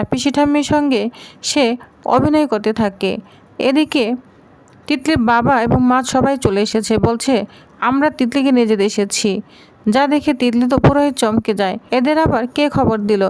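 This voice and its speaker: Brief: woman narrator, high voice, dry close mic, quick plain story recap. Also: a little mellow, no echo. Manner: quick, plain retelling voicing every character in her own voice. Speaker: narrator retelling a TV serial.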